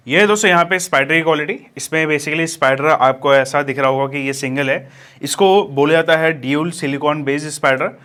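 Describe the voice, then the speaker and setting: A man talks through an unboxing in a loose, chatty way. His voice sits a little higher than most men's. He calls the viewers friends and fills his pauses freely. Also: fairly bright tone. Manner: casual, addresses viewers as friends, many fillers. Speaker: DJ equipment vlogger. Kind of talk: product unboxing review.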